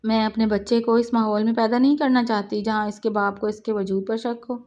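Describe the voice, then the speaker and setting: A woman's voice: fairly high pitch, steady tone, a little mellow, muffled recording, natural voice. A woman reading the lines of a wronged young wife who speaks coldly and firmly in a storybook reading. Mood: bitter firm. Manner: cold, firm, bitter. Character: wronged young pregnant wife, bitter and firm.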